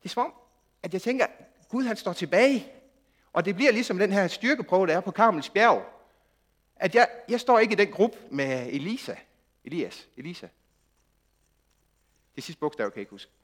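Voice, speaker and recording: A man preaching a sermon, moving from quiet, intimate passages to loud, impassioned outbursts. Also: sits high, pauses often. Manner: animated, swings from quiet intimacy to loud shouting.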